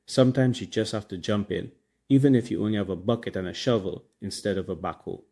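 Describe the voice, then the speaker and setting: A Trinidadian man with a fairly low voice hosts a relaxed podcast. His accent is clear in his island slang and grammar as he gives casual, motivational talk. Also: fast. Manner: colloquial, Caribbean slang and grammar. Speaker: podcast host.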